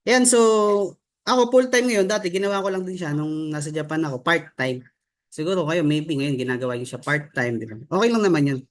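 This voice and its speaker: Young man from the Philippines, online trainer, chatty and casual, slightly high voice, video call. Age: young adult. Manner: chatty, reads out names with frequent "no?" and "di ba?". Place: home room with a staircase behind.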